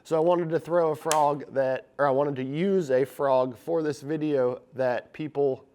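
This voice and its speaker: A man with a slightly high, raspy voice hosts a casual fishing how-to vlog, sounding a bit stuffed up and congested. He talks straight to his viewers in a chatty, upbeat way. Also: steady tone, unhurried, a little mellow. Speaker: fishing channel host.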